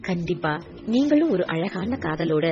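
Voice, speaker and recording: A gentle, motherly aunt, as a woman puts her on, speaks in a slightly low voice. The recording sounds dull and lo-fi. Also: very animated, moderate pace.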